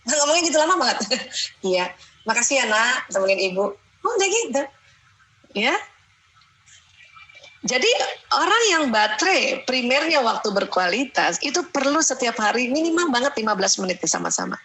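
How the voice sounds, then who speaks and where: A middle-aged woman with an Indonesian accent lectures on parenting in a religious talk, chatty and lively, often acting out what mothers say. Her voice is bright and somewhat high. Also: moderate pace, pauses often, low-quality recording. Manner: chatty, acts out mothers' voices, frequent "ya" checks.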